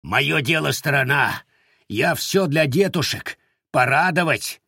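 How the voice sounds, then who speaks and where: A greedy, foolish peasant, ranting and sobbing in a shrill, strained voice. The lines swing wildly up and down. The close reading has no room sound. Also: male voice, expressive, measured pace, creaky, bright, forceful tone, slightly rough, dry recording, exaggerated voice. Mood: snarling. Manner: shrill, sobbing, self-pitying rants.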